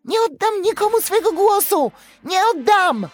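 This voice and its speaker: Casting: a man doing a tiny hysterical female finch in a storybook, shrill, piercingly high and loud. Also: sing-song, a little slow, no echo, faint music behind, exaggerated voice. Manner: shrill, frantic wailing.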